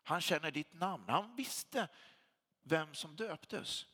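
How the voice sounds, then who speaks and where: Preaching in a fairly high, bright voice with a touch of huskiness, the pastor lets his pitch climb and drop in wide, animated arcs. He drives points home by repeating phrases, and the recording carries a long reverb like that of a church hall.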